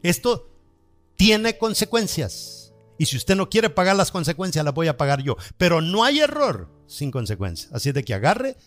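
A man putting on a strict mother's voice, pitched well above his own, firm and insistent as she lectures her son about consequences. Her lines come out loud and emphatic over faint background music. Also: big pitch swings, moderate pace.

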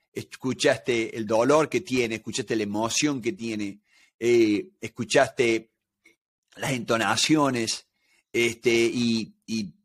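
Rioplatense male guest, negotiation expert, explanatory interview talk built on everyday examples. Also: mid-range voice. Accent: Rioplatense Spanish. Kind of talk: conversational interview.

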